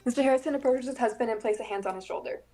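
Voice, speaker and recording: A woman reading the scene narration of an audio drama in a plain, even way. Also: on the high side, very fast.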